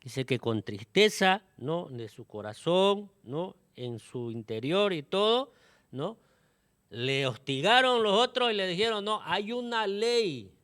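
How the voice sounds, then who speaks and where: A male preacher with a smooth, resonant voice, pitched a little high for a man, delivering a sermon. He keeps checking in with his listeners through a tag question and bridges pauses with fillers. The sound is dry and close, with almost no room echo. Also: very animated, a bit bright. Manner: tags phrases with a questioning "¿no?" and "este" fillers.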